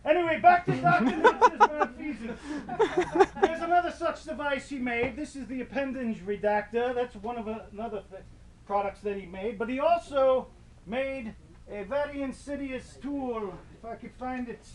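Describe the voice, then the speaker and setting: Man playing a high-pitched theatrical macabre tour guide. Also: normal speed. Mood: sly, grandiose. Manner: theatrical, mock-grandiose, wordy. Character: theatrical macabre male ghost tour storyteller. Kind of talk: semi-scripted comic horror tour narration. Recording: distant mic, light background noise.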